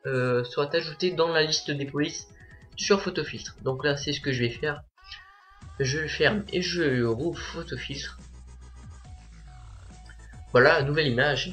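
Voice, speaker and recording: A teenage boy with a slightly high voice narrates a software tutorial as a voice-over. Hesitant, he fills his speech with filler sounds.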